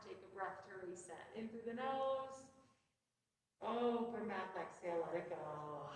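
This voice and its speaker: A woman instructor guiding a stretching and breathing class in a gentle, encouraging, instructional way. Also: mid-range voice. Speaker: yoga and meditation instructor. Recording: very echoey room, distant mic, faint noise.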